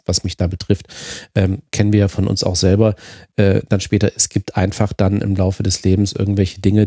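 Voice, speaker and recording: A man with a low, gravelly voice explains ideas in a relaxed co-host chat. His tone is dark and mellow, full of hesitations and restarts. The sound is dry and close. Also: dry recording. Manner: thoughtful, explanatory, many fillers and restarts. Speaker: co-host answering chat questions. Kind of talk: casual podcast discussion.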